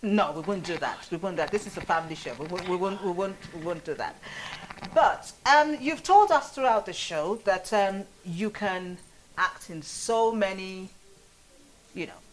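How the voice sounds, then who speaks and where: Bubbly talk show hostess. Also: female voice, medium pitch, lively intonation, moderate pace, slight background noise. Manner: bubbly, laughs often.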